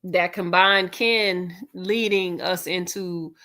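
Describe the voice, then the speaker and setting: Slow-talking woman with a lowish voice. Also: steady tone, sharp tone. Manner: laughing, casual slang. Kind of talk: casual group call response.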